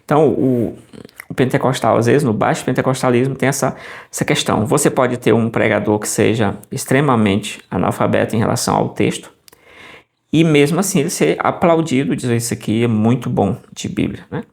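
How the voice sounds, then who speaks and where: A man's voice: mid-range voice, brisk, gravelly. A man giving casual spoken commentary on preaching, talking in a loose conversational way with frequent restarts and tag questions.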